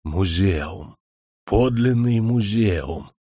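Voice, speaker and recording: A man's voice: lowish voice, lively intonation, drawn-out words, warm tone, breathy edge, dry recording, clean studio sound, heavily acted. A man voicing a curious, earthy provincial estate manager who asks plain, wondering questions.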